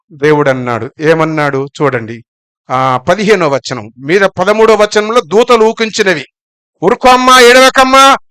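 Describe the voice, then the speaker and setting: A middle-aged male pastor, preaching bluntly and scolding, swinging between loud calls and low asides. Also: clean tone, no room sound. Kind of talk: sermon.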